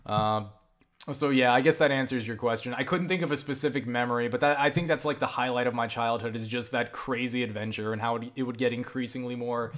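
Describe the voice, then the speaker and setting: Speaking briskly in a mid-range voice, a young adult fields viewer questions on his vlog. He rambles, curses freely, and keeps restarting his thoughts with lively energy.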